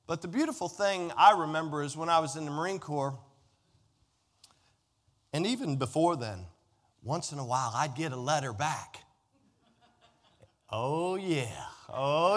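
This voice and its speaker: In an echoey hall with long reverb, a middle-aged American man preaches as pastor, conversational and emphatic, asking his listeners rhetorical questions. His voice sits fairly high and sounds a bit bright.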